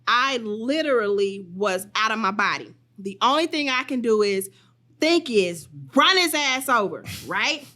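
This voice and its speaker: Animated young woman telling a story. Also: a little high, measured pace. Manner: animated, emphatic retelling. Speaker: podcast co-host. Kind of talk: storytelling in casual chat.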